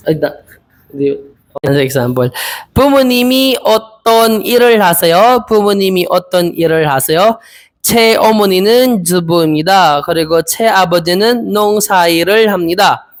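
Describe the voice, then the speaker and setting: Guy in his 20s drilling korean interview answers, halting, says everything twice. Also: sits high. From Philippines. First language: Filipino. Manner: hesitant, repeats each phrase slowly. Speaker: Korean language learner. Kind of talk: practicing interview answers aloud.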